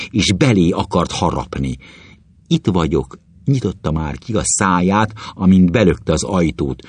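A man narrates a literary audiobook in a low, husky voice. His delivery is dramatic and expressive, swinging widely in pitch as the story grows tense. The sound is close and dry, with no room around it. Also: no room sound. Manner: expressive, dramatic reading with sudden rises in pitch. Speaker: audiobook reader.

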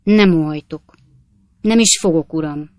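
A woman voicing a drunken, angry male preacher who slurs his words and talks loud and combative. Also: low voice, no room sound, lightly acted. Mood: drunkenly belligerent. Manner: slurred, loud and belligerent.

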